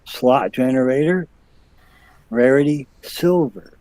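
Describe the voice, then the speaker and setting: A man's voice: medium pitch, takes it slowly, warm tone, no echo, low-quality recording. A man co-hosting a live show, reading game item stats aloud in a methodical, list-like way.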